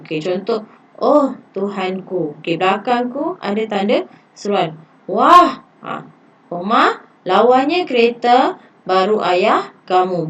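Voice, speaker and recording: A woman's voice: mid-range voice, distant mic. A woman teacher with a Malaysian Malay accent, reading a passage aloud and explaining sentence types to pupils, with many "okey" fillers.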